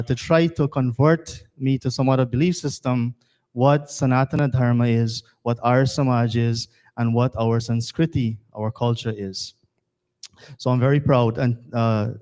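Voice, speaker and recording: A man's voice: medium pitch, warm tone. A man from Guyana, chairing a temple service in an earnest, rhetorical formal address that repeats phrases for emphasis. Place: temple hall.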